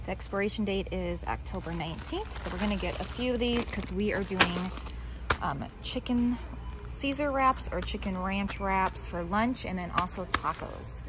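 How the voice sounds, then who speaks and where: In this clip, a family shopping vlogger talks her way through a large indoor warehouse store, casual and chatty, thinking as she speaks. She has a medium-pitched voice and a normal speaking speed, with the store's background noise clearly heard.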